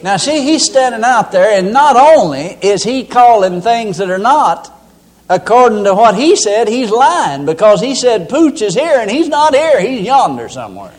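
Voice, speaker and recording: Folksy preacher with a lively voice. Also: male voice, high-pitched, normal speed. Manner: folksy, humorous storytelling. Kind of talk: sermon. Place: church.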